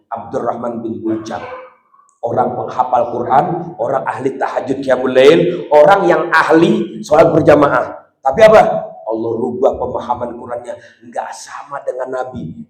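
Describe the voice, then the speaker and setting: A man preaching a sermon, swinging between hushed passages and loud, shouted emphasis. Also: medium pitch. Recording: echoey room.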